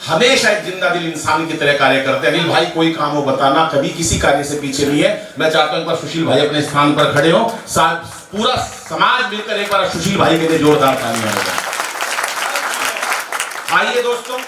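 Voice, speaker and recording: A man's voice: a little high, lively intonation, moderate pace, sharp tone, slight background noise. A man hosting a stage event, formally praising guests and calling for applause. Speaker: event host. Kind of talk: stage announcing. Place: large hall with an audience. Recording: echoey hall from far off with crowd.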